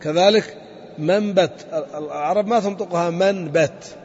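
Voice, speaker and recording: A high-voiced man leads a classroom grammar lesson, breaking each rule into steps and tossing short questions to his students. The recording is dull and lo-fi, with his voice ringing through a long hall reverb. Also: normal speed, darkish tone. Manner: explains step by step, quizzing students with short questions. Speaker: Arabic grammar teacher. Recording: echoey hall, dull lo-fi sound.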